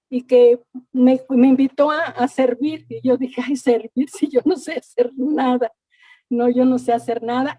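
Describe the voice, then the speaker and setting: A middle-aged woman gives an earnest church testimony about her personal faith, often repeating words and thanking God. Her voice sits on the high side with a dark tone, and there's no room sound.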